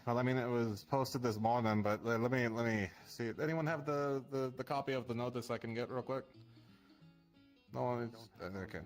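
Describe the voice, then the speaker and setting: A man speaking in improvised role-play as a group's leader, haltingly, often stumbling over his words. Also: medium pitch, fairly even intonation, faint music behind. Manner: halting, stumbles through reading aloud. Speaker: group leader addressing a room in a live roleplay.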